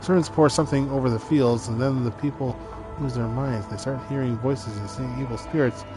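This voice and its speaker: A man's voice: mid-range voice, fairly even intonation, brisk, natural voice. Man playing a boyish, desperate young rebel over music. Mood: desperate pleading. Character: desperate young rebel, practically a boy, pleading and defiant. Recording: music behind the voice.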